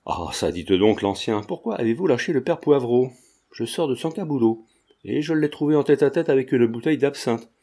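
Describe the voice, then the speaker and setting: A man's voice: mid-range voice, lively intonation, brisk, warm tone. A man voicing a brash, cheeky young painter who talks in a blunt, teasing way.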